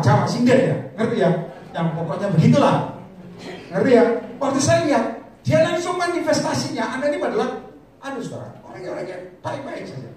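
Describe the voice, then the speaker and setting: A man preaching a sermon to a congregation, swinging from loud shouted lines to low, quiet asides and calling them brother. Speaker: evangelist preacher. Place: large church hall. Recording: echoey hall, mic from a distance, faint hiss.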